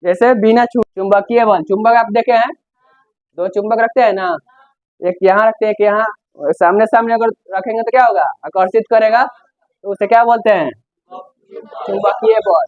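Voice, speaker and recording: A man's voice: high-pitched, no room sound. A male teacher giving a physics lesson, asking questions and answering them himself. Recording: tinny narrow-band dry sound.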